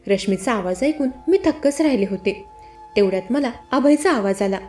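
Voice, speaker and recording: Woman storyteller, Marathi accent, high animated voice, mellow tone, faint music behind. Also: moderate pace. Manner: dramatic, emotional storytelling. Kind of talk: first-person scripted story narration.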